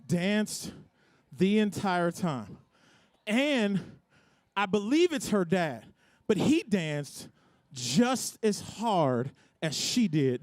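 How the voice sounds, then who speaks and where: A man's voice: sits high, dry recording, clean studio sound. A man hosting a live dance contest as a hype announcer, urging the crowd on with exuberant calls and repeated phrases. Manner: exuberant, shouted exhortations with whoops and repeated phrases. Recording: loud music behind the voice.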